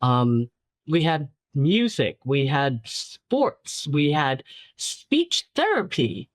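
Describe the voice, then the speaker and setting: With a deep, sing-song voice and drawn-out words, a guest filmmaker from New York City, whose first language was Chinese, tells stories in casual interview talk. She stays warm, repeats words for emphasis and laughs lightly, with no room sound.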